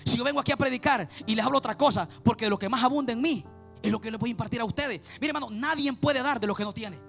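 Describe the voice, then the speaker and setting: A man delivers a fervent sermon in a very high, gravelly voice. He talks fast and keeps circling back to the same phrases, addressing his listeners as beloved brothers. Faint music plays under him. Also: fairly bright tone. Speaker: preacher.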